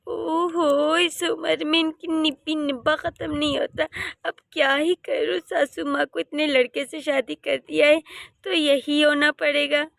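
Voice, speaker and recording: Cartoon role: a weary daughter-in-law, complaining and sarcastic, high and gravelly, voiced by a woman. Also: flat delivery, unhurried, a bit bright, no echo, clean studio sound, full character voice. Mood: grumbling. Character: fed-up daughter-in-law and mother, grumbling.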